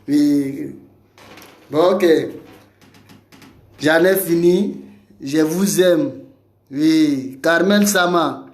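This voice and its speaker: Slow, taunting man in an echoey room. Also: on the high side, darkish tone. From Cameroon. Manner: taunting, combative, repeats insults and challenges. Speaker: online commentator. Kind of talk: ranting video message. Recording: roomy echo.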